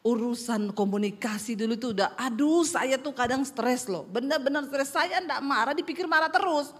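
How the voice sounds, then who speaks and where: A woman pastor with a Sulawesi accent preaching a sermon, animated and humorous, with a lively rising intonation. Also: sits high, moderate pace. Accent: Sulawesi Indonesian. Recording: long hall reverb.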